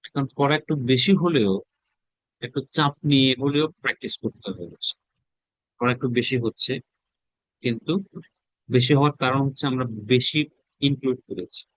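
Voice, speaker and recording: Male English teacher from Bangladesh, mid pitch, dry close sound, drills question sentences slowly then translates. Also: no room sound, poor audio. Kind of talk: spoken English lesson.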